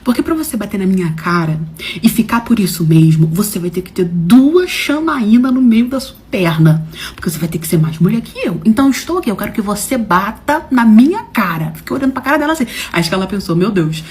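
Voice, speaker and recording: A woman telling a personal story to her viewers, animated and dramatic, with slangy phrasing and swings between loud and soft. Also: medium pitch, fast talker. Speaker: storyteller host. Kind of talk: casual storytelling to camera.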